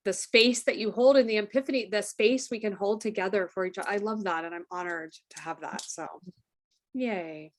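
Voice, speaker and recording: A woman's voice: mid-range voice, moderate pace. A woman chatting as a guest over a video call, chatty and playful. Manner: chatty and playful, often laughing.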